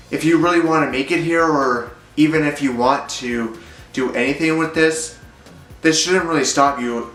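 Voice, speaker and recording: A man's voice: on the high side, fairly bright tone. Rambling young man vlogging in an echoey room. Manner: rambling, hesitant, many fillers. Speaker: YouTuber. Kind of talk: casual vlog monologue.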